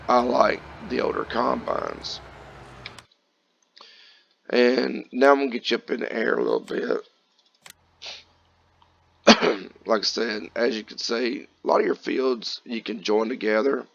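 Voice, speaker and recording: A man from Kentucky, raspy from just waking up, chatting casually through gameplay commentary in a relaxed, folksy way. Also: medium pitch, measured pace, pauses often, dull audio. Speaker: gaming channel host.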